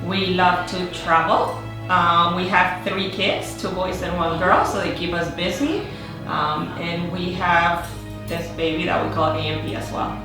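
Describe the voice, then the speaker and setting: A woman's voice: lowish voice, fairly even intonation, measured pace. A middle-aged woman, a therapist and co-owner, answering interview questions in an upbeat way with frequent ums. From Puerto Rico. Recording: echoey room, distant mic, music behind.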